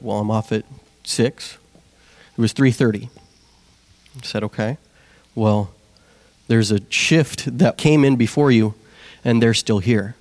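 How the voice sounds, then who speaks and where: A young man delivers a sermon with a slightly low-pitched voice. He talks plainly and conversationally, asking the congregation question after question, with the odd restart along the way. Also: darkish tone, no echo. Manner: asks the congregation one question after another. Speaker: lay preacher.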